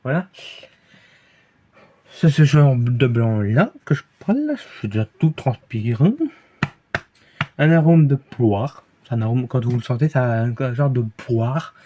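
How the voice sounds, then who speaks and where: A man's voice: medium pitch, lively intonation, unhurried, pauses often, muffled recording, slight background noise. A man with a Belgian French accent reviewing beers in a casual, rambling way, full of fillers, false starts and hesitations, recorded in a room at home.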